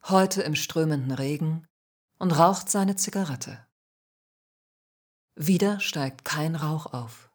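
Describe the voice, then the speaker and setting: A woman calmly narrating a first-person spiritual story in a measured, soft-spoken way. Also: deep voice.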